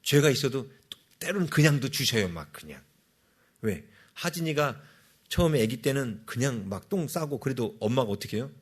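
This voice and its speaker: A man's voice: mid-range voice, big pitch swings, moderate pace, husky. A male pastor giving a sermon, asking the congregation questions and answering them himself.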